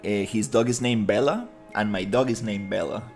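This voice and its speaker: With faint music behind him, a Costa Rican man chats loosely on a live stream while modeling in 3D, laid-back, rambling, and muttering with lots of fillers. He speaks at a moderate pace in a fairly low, darkish voice.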